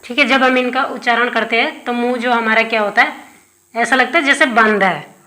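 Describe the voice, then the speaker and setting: This Hindi grammar teacher's voice is fairly high, brisk, pushed and bright. During exam-prep dictation she asks the class things only to answer herself, and she drills key terms with rhetorical questions.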